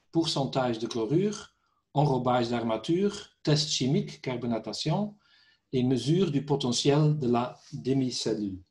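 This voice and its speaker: A man's voice: medium pitch, a little mellow. A middle-aged or older man, not a native French speaker, giving a technical presentation over a video call in hesitant French with a foreign accent. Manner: hesitant, non-native phrasing. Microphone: computer microphone on a video call.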